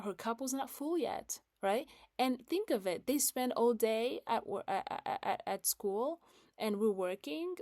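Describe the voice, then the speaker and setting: A woman's voice: medium pitch, darkish tone, no room sound. Conversational woman talking parenting, dry sound. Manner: conversational with fillers, acts out quoted lines. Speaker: parenting educator. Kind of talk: casual talk.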